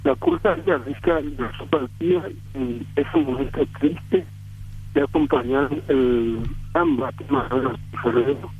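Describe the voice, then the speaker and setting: A man's voice: medium pitch, slightly rough, no echo. Man over a tinny speakerphone. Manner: measured, formal delivery with hesitations. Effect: phone line on speakerphone. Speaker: radio contributor calling in. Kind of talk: on-air cultural segment and poetry recital. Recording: dry, tinny phone line.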